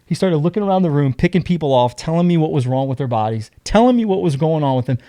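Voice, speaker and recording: A young man tells a story as a podcast guest, lively and full of acted-out quotes. His voice is dark and mellow. The sound is dry, close to the mic. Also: a little high, fast, no echo. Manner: animated, acts out other people's lines. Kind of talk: casual storytelling.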